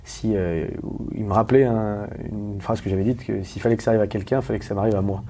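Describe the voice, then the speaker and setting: A man from Paris, a guest talking candidly in an interview, rapid and emphatic with many restarts and questions to the listener. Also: lowish voice, steady tone, dark tone, a little hiss or hum. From Paris, France.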